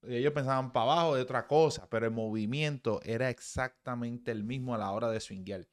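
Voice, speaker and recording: Young man, casual co-host, swing analyst, repeats quick instructions to move the clip along. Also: mid-range voice. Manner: rapid, repetitive instructions to advance the video. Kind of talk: casual banter and swing breakdown.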